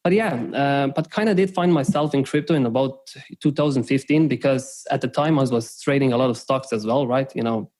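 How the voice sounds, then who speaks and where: A man's voice: medium pitch, a little fast, few pauses, a little mellow. A young man from Slovenia, a podcast guest, talking casually and rambling, with many restarts and "right?" tags. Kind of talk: casual interview talk.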